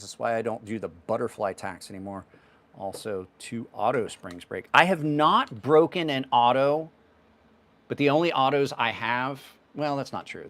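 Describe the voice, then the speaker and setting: With a fairly bright tone in a mid-range voice, the fifties-aged host of a knife channel handles viewer questions on a casual livestream, rambling and offhand as he goes.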